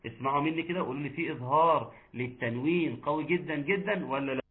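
Egyptian man, Quran recitation teacher, chatty, quizzes the class, fairly high voice, thin phone-like sound. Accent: Egyptian Arabic. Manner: chatty, asks the class questions, chants verses slowly. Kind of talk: online recitation lesson. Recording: tinny phone-like line.

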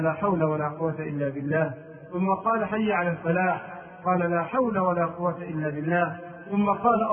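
Male religious teacher, high pitch, explains and chants the prayer call, heard thin and phone-like from some distance. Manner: demonstrates prayer-call phrases by chanting them. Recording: tinny phone-like distant sound.

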